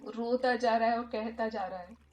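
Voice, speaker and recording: A woman teacher guiding an inner-child healing meditation in a soft, emotive way that often drops to a hush. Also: a little high, fairly even intonation, moderate pace. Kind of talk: guided meditation.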